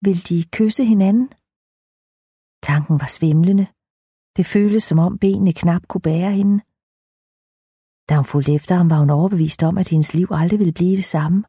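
Woman audiobook narrator, even and measured, husky voice in a dry, close recording. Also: fairly low pitch, no echo.

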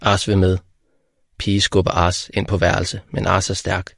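A man narrating an audiobook in short, measured sentences. His fairly low voice is gravelly and husky, recorded dry and close. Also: little pitch movement, fairly bright tone, no echo. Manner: plain, terse, measured. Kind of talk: scripted literary narration.

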